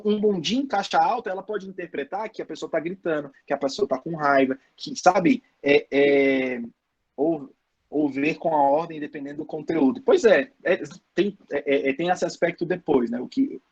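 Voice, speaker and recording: A man's voice: a little high, slightly rough, dull audio. A man giving a casual online lecture to his students, repeating points for emphasis, with many restarts. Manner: frequent restarts and filler "é". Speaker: professor.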